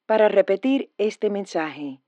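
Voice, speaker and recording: A woman reading a scripted health information phone message in a measured, even informational manner. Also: medium pitch, no echo, muffled recording.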